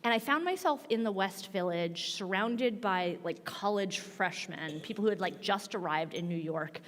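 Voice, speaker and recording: A middle-aged American woman telling a personal story in an animated, informal way, often saying "like" as she goes. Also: medium pitch, moderate pace. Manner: informal, frequent "like" as filler, laughs while telling. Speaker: minister and guest on a panel. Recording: echoey hall with long reverb.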